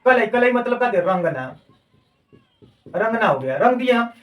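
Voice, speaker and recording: A man's voice: extremely high pitch, big pitch swings, moderate pace, a bit bright, distant mic, rough recording. A man teaching a classroom science lesson. He repeats each term as a question and then answers it, and calls his students "babu".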